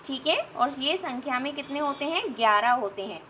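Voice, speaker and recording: A woman teacher giving a recorded grammar lesson for children, slow and patient, spelling out sounds with examples. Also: high-pitched, expressive, sharp tone, slight background noise. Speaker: school teacher.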